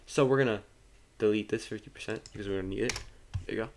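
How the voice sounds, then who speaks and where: A man's voice: lowish voice, fast, slight background noise. A man walks viewers through a casual screen-share lesson in an easygoing, informal way. He often restarts sentences and corrects himself mid-thought. He addresses his audience directly and casually. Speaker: trading tutor.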